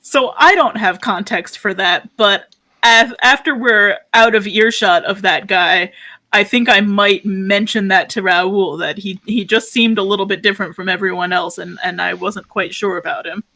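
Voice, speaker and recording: A woman's voice: mid-range voice, moderate pace, sharp tone. A woman playing a tabletop game, reasoning aloud about her character. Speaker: player.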